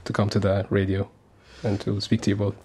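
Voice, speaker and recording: A man's voice: fairly low pitch, monotone, a little fast, a little mellow, a little hiss or hum. A man in his thirties from Sudan, speaking as a guest on a community radio interview, earnest and hesitant with many fillers and restarts. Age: 30s.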